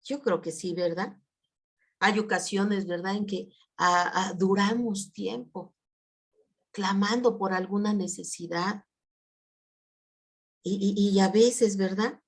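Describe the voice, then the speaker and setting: A woman's voice: medium pitch, fairly even intonation, takes it slowly, long pauses, slightly rough. A middle-aged woman preaching a sermon in a conversational way, often asking for agreement and repeating words as she acts out sample prayers.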